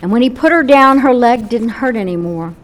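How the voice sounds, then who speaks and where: A woman pastor telling a gentle story sermon in a church service, her voice softening to near-whispers at the ends of phrases. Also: fairly high pitch, animated, a little fast.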